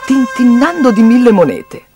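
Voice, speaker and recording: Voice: medium pitch, sing-song, moderate pace, over music. A storyteller reading a children's tale aloud, in a sing-song storytelling manner.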